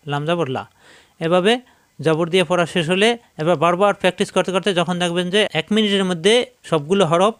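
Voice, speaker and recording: A man teaching how to read Arabic letters, patiently explaining and reciting them in quick drills. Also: a little high, clear, resonant tone, dry recording. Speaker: Quran reading teacher. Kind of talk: Arabic letter reading lesson.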